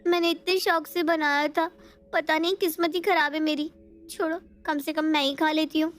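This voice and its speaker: A woman's voice: high-pitched, little pitch movement, moderate pace, pitched above the performer's own voice, natural voice. A woman voicing a sweet young daughter-in-law. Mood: upset. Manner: sweet, earnest. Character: eager young daughter-in-law, easily hurt. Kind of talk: cartoon story voice acting.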